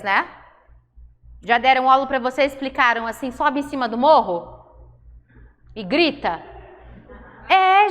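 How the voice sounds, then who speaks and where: A woman's voice: high-pitched, fairly bright tone. A woman teacher with a Brazilian Portuguese accent, giving a classroom lesson and quizzing her students with questions as she explains. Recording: echoey hall from far off, noisy.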